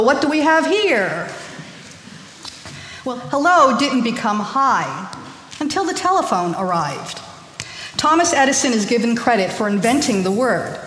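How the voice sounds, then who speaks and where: A Korean-born woman with a slightly high, fairly bright voice gives an informal sermon-style talk to a congregation. She's chatty and hesitant, full of ums and restarts, recorded in an echoey hall with faint noise.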